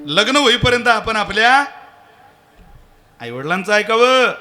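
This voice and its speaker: A man's voice: sits high, unhurried, faint music behind. A man giving a devotional kirtan sermon with a Marathi accent, telling stories and acting out characters' lines for the audience. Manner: storytelling with lively voiced characters and questions to the audience. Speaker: kirtan preacher.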